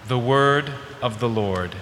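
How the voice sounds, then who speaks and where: A man serving as lector, reading scripture at Mass in a slow, solemn, deliberate way, with a cathedral echo. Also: medium pitch, a bit bright. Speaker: lector and cantor. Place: large church. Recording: roomy church reverb, faint hiss.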